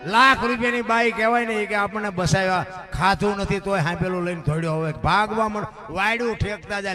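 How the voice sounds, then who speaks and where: A man telling a folk story in a sermon, acting out villagers' voices. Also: high voice. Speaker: storyteller preacher.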